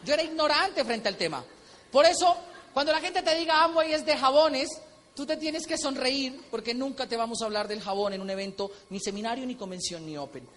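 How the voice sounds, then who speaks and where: A man with a Colombian accent telling a story at a convention, animated and acting out quotes. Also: very high-pitched, fairly quick. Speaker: motivational speaker. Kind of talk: stage talk at a convention. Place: large convention hall. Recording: echoey hall with faint noise.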